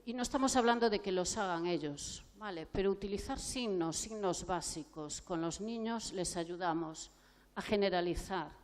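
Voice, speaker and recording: A woman with a lowish voice speaks at a normal pace. She is a clinical psychologist giving a conference lecture, explaining her points and putting rhetorical questions to the audience.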